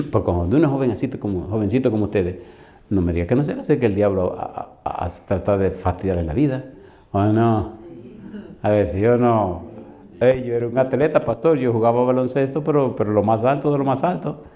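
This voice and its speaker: A man in his fifties with a Dominican Spanish accent, preaching a colloquial storytelling sermon, often laughing and calling listeners "compadre". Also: brisk. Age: 50s. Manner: animated, laughs often, acts out dialogue with pitch jumps. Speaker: pastor.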